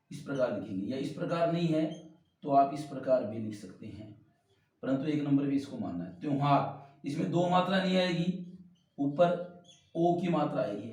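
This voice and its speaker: A man explains Hindi spelling to students preparing for exams, repeating each word as he writes it on the board. His voice is fairly high and a little mellow, and the distant mic picks up a very echoey room.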